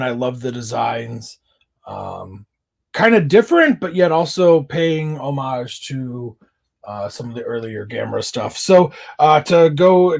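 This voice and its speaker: A man's voice: fairly high pitch, gravelly, a little mellow. A man talking casually in a collector haul video, chatty and enthusiastic, with many fillers. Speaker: collector vlogger.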